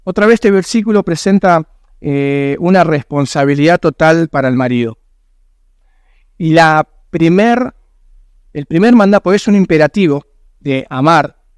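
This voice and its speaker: A man with a Rioplatense Spanish accent delivers an earnest sermon, pressing his points with rhetorical questions. His voice sits a little high and comes across smooth and resonant. The sound is close and dry. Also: measured pace, dry recording. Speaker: pastor. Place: church.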